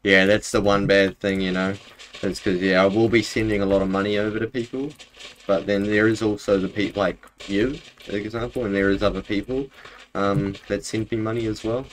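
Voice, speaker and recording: Low-voiced young Kiwi man streaming, keyboard clatter. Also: fairly even intonation, brisk, rough recording. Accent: New Zealand. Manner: laid-back, rambling, slangy. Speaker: game streamer. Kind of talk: casual livestream gaming chat. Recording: clear background noise, keyboard and mouse clicks. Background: keyboard typing and clicks.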